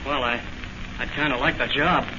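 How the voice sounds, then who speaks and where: A man's voice: mid-range voice, fairly even intonation, moderate pace, natural voice. An actor playing a humble, down-on-his-luck former boxing champion and father in an old-time radio drama, hesitant and deferential, with folksy slang. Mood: hesitant, respectful. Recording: noisy, muffled old radio recording.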